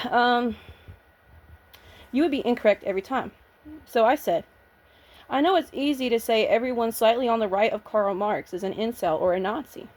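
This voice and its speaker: A woman with a slightly high voice talks straight to camera in a loose, blunt vlog rant. She swears freely and sounds nervous and shaky, pushing through restarts as she argues her point. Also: normal speed, long pauses. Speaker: vlogger. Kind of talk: casual ranting vlog.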